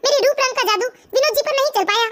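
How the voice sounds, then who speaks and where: A performer voicing a scheming young wife in an animated family story, sly and complaining. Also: very high voice, very fast, heavy background noise. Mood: resentful. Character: scheming young wife, resentful of her in-laws.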